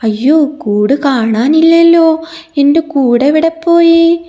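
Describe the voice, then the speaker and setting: A woman's voice: high-pitched, slow, warm tone. A woman voicing a worried mother bird who laments her missing chick and nest. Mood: anxious. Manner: anxious, lamenting.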